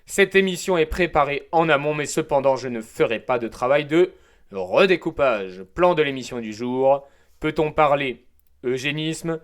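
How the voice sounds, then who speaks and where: A man's voice: on the high side, moderate pace. A man hosting a prepared solo talk show, delivering an opinionated, provocative monologue with wordplay asides and frequent hesitations. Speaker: show host.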